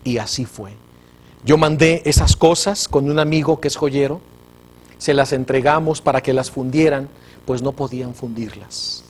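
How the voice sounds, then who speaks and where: A man with a Mexican Spanish accent, a preacher hosting a religious TV show, telling a testimony with fervor and swinging between loud and hushed. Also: medium pitch, moderate pace. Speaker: preacher and TV host.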